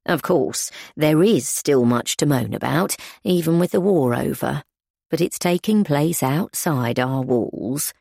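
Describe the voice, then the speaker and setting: A tired kitchen maid speaks slowly in a resigned voice, as a woman reader puts her on. It is low and dark in tone. The sound is dry. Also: lively intonation, gravelly, slightly rough, no echo, heavily acted. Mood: weary, resigned.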